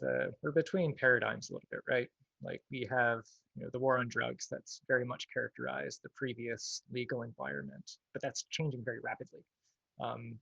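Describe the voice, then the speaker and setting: Male activist guest, gravelly and husky, thoughtful and hedging, over a dull, dry video call. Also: mid-range voice, a bit bright, dry recording. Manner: thoughtful, hedging, full of "like" and "you know". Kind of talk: casual livestream interview.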